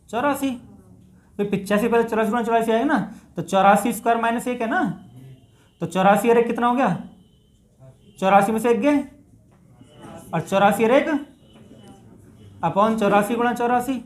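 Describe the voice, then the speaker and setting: A man with a north Indian Hindi accent, teaching a maths class step by step and addressing his students as "bhai". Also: high voice. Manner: talks through steps, addresses students as bhai.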